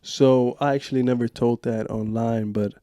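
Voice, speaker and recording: Relaxed young man telling a story. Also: medium pitch, normal speed, no echo, clean studio sound. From Switzerland. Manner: animated storytelling with acted-out quotes. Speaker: guest, professional basketball player. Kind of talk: casual interview.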